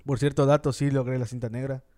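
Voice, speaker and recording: A Mexican man with a Mexican accent telling a story in fast, slangy casual chat, acting out the lines of the people in it. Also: mid-range voice, little pitch movement, dark tone.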